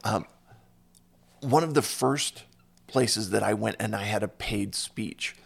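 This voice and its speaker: A man hosting a casual interview conversation, telling stories and getting animated when he quotes other people. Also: fairly low pitch, slow pace, vocal fry, husky.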